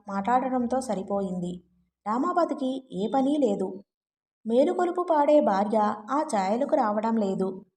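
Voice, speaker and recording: Higher-voiced woman reading a novel aloud. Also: mellow. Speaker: audiobook narrator. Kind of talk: scripted narration.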